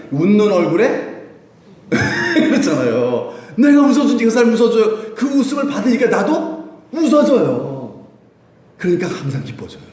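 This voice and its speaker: Male pastor, wide swooping delivery, slightly high voice, heavy church echo. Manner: animated, laughing often, asks the congregation questions. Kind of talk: sermon. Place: church sanctuary. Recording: very echoey church hall.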